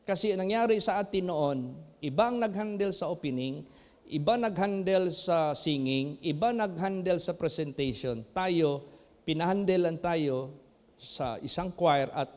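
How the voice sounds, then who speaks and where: A male pastor preaching a sermon, mixing English phrases into his talk, swinging between loud outbursts and quiet stretches. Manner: preaching with big swings in loudness and pitch, mixing English into Tagalog. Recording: echoey hall with long reverb.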